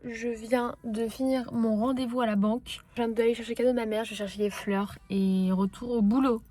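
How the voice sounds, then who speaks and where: Woman, vlogger, sick with a cold, nasal, fairly high voice, rambling casual chat, lapel mic. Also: steady tone, fairly quick, mellow. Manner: rambling, chatty, self-mocking. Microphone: lapel mic into phone.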